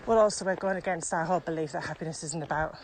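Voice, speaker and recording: Speaking rapid-fire in a low voice, this podcast co-host keeps a casual, reflective conversation going with easy, conversational questions. She's outdoors, walking uphill through a Moroccan pine grove, and is a little out of breath. Noise from the walk is clearly audible in the recording.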